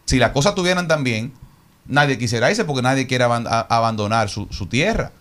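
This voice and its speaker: On a radio talk show, a Dominican man who is a politician makes his case in a brisk, expressive, slightly bright mid-range voice. Earnest throughout, he builds long, reasoned arguments.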